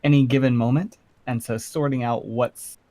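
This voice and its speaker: A man talking as a guest on a livestream, halting and searching for words, with small laughs. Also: medium pitch, steady tone, warm tone. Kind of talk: casual livestream chat.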